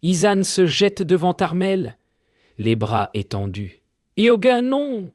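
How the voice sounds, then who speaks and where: A man narrating a fairy tale in a solemn, measured way. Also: fairly high pitch, very animated, no room sound, clean studio sound. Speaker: storyteller.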